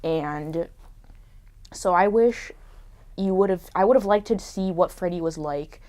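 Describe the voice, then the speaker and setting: Reviewing a film on a podcast she co-hosts, a young woman talks in a fairly low, darkish voice at a slightly slow pace. Her casual chat is packed with "like" fillers.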